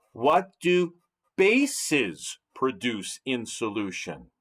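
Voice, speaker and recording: A male science teacher giving a recorded chemistry lecture. He speaks slowly and carefully, and his pitch rises and falls a lot as he stresses key words. He keeps asking his students questions to help them remember. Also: fairly bright tone. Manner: slow, deliberate, asks students questions.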